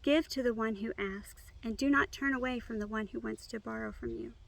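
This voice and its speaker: A woman reciting memorized scripture by rote, in measured, complete phrases. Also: a little high, gravelly, low-quality recording.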